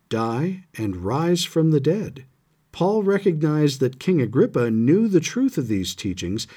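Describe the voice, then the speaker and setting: A man giving a scripture lesson, reading passages aloud in a measured, reverent way and adding commentary. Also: on the high side, warm tone, slightly rough. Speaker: scripture study teacher.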